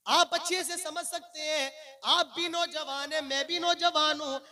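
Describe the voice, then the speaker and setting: A man in his late twenties giving an impassioned religious speech as a preacher, declaiming fervently and swelling loud on his exhortations. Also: very high-pitched, fairly even intonation, measured pace, soft background music. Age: 20s. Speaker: Islamic preacher.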